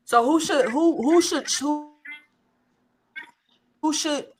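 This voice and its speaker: A woman's voice: sits high, slow. A woman talking casually over a call whose connection is choppy and cuts out, so she stammers and repeats herself. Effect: choppy, cutting-out call connection.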